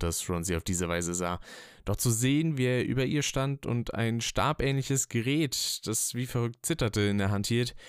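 A man narrates a written story with a steady, even reading. His voice is very low and smooth, recorded dry and close with no room sound. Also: dry recording. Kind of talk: scripted narration.

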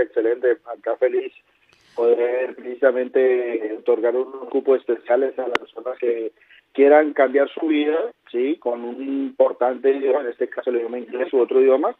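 Husky man on a phone line. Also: flat delivery, normal speed, no echo. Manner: salesy pitch, peppered with "¿sí?" checks. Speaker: language school director. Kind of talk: promotional phone interview. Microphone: telephone. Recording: tinny dry phone line.

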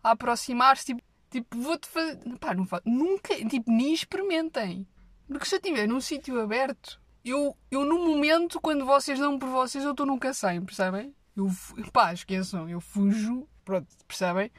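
Young woman, European Portuguese accent, higher voice, dry close sound; comic monologue to camera, big swings into hushed asides. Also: moderate pace, no echo. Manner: animated, exaggerated storytelling, dropping her voice for asides.

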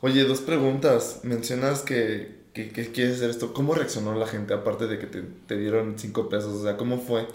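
A man's voice: medium pitch, flat delivery, normal speed, few pauses, echoey room. A man interviewing a guest casually, reacting often and joking in slang. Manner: reacts with frequent "wow", jokey slang.

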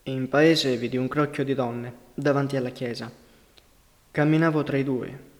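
A man narrating a novel as an audiobook, in a measured, unhurried literary reading. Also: medium pitch, fairly even intonation. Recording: long reverberant hall sound.

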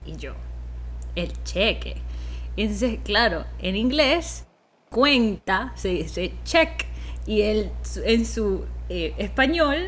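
A woman's voice: mid-range voice, slow, slight background noise. A woman co-hosting a casual podcast chat, telling stories with lots of laughter and slipping English words into her Spanish. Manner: animated storyteller, laughs often, mixes in English words. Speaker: podcast co-host.

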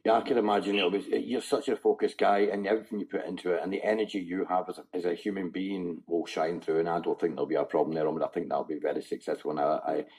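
A man's voice: sits low, steady tone, fast, hardly any pauses, breathy edge. A Scottish man hosting a radio show, chatting and joking casually. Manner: jokey, chatty, warm sign-offs. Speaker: radio host.

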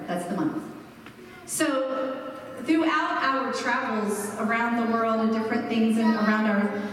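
A woman's voice: a little high, a little hiss or hum. A woman in her forties, a pastor, introducing a new sermon series in a conversational, storytelling way with emphatic repeats. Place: church sanctuary. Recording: echoey hall, voice from far off.

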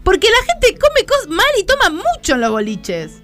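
Brash, animated woman radio co-host. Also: very high voice, normal speed, soft background music. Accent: Rioplatense Spanish. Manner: brash, swearing, joking. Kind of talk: casual radio chat.

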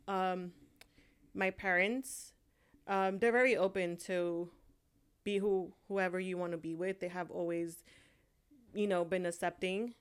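A woman's voice: mid-range voice, smooth. A young woman from Honduras in casual chat, talking hesitantly with many fillers. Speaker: co-host.

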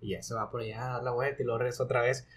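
A young man with a Mexican accent telling an animated, slang-filled story in casual chat. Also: medium pitch, very fast. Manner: slangy, animated, acts out voices in anecdotes.

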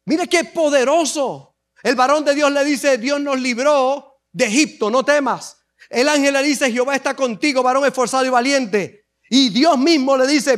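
High-voiced Puerto Rican pastor preaching. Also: male voice, a bit bright. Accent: Puerto Rican Spanish. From Puerto Rico. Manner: dramatic, acts out scripture scenes with drawn-out emphasis. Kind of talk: sermon.

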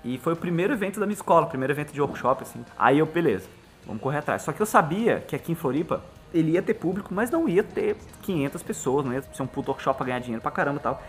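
A Brazilian man, a musician guest on a podcast, talking casually and fast, acting out little bits of dialogue as he explains. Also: on the high side. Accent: Brazilian Portuguese. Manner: fast, animated, acts out dialogue.

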